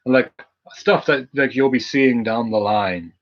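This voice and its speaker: A man's voice: medium pitch, a little slow, highs cut off. A man hosting his channel's Q&A stream, rambling casually with lots of fillers and restarts. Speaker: channel host. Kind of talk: casual live Q&A chat.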